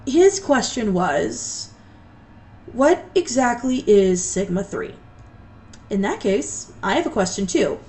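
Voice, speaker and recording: A woman playing an eager, awkward magic scientist in an audio drama, rambling and hesitant with dry exasperation. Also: a little high. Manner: rambling, hesitant, dryly exasperated public speaker.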